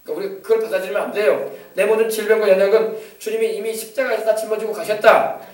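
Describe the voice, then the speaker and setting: Fast, high-voiced preaching man in echo. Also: fairly even intonation. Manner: emphatic, exhorting, switching between loud commands and soft asides. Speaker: pastor. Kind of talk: sermon. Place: church sanctuary. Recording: echoey church hall from far off.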